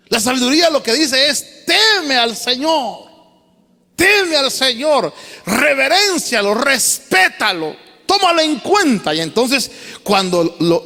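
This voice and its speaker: A man preaching a sermon as pastor, animated, rising to high emphatic calls and repeated refrains. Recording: reverberant church hall.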